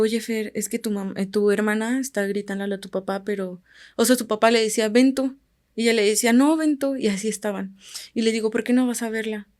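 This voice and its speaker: A woman with a Mexican Spanish accent telling a story on a podcast. Her voice sits at a middle pitch and stays calm. Her phrases often sink to near a murmur as they finish. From Guerrero, Mexico. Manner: calm, often trailing off quietly at phrase ends. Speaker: podcast guest. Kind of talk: casual storytelling.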